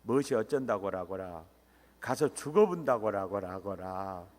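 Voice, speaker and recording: A man voicing the disciple Peter as an impassioned fisherman, pleading in Jeolla dialect and climbing to a shout. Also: lowish voice, animated, unhurried, pitched below the performer's own voice. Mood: pleading protest. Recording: echoey church hall.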